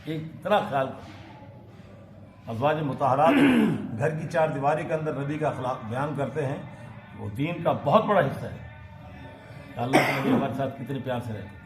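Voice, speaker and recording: A man's voice: mid-range voice, expressive, moderate pace, soft background music. A man with a Pakistani Urdu accent giving a Quran lesson in a mosque, reciting Arabic verses and explaining them with questions to the congregation. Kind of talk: mosque sermon, Quran commentary. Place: mosque hall. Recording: echoey mosque hall, faint noise.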